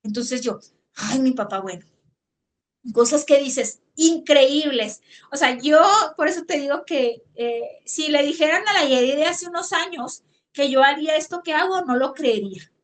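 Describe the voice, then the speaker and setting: Mexican woman guest, higher-pitched voice, lively conversational storyteller. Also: normal speed. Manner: animated, frequent tag questions and fillers. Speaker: podcast guest.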